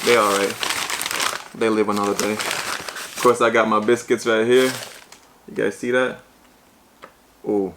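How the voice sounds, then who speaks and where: A Jamaican man eating and unpacking takeout for a casual mukbang vlog, chatty and excited. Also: fairly low pitch, measured pace, long pauses, background noise. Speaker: vlogger. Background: bag crinkling.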